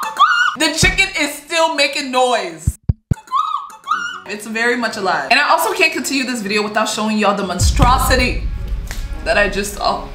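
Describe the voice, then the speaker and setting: Woman host, comedic reaction commentary, roomy sound and background music. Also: on the high side. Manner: incredulous, exclaiming rhetorical questions. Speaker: YouTube host reacting to cooking videos.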